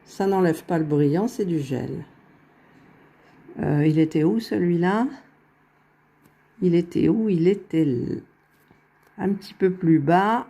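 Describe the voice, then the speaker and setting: Woman, casual crafting vlogger, slow and mellow, low-ish voice, very close to the phone mic. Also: gravelly, breathy edge. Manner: unhurried, thinking aloud while working, self-correcting. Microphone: phone held very close to the face.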